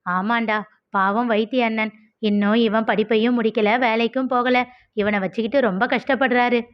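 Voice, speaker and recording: A woman's voice: a little high, steady tone, normal speed, highs cut off, close to an everyday voice. A woman voicing a middle-aged mother who scolds and gossips. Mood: gossiping.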